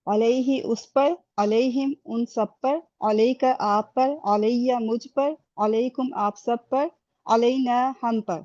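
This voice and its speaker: Higher-voiced woman student on a muffled call. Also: fairly even intonation, a little mellow. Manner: reciting carefully.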